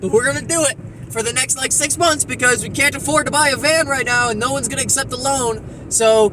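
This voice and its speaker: Young guy vlogging, high voice, cusses a lot, loud street and car noise behind. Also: a little fast. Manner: blunt, animated, swears freely. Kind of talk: casual vlog chat.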